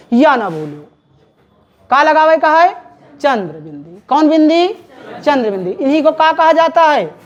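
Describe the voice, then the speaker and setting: A woman teacher with a high voice gives a Hindi grammar lecture in a classroom, recorded with lo-fi sound. She keeps quizzing her students and having them call out answers.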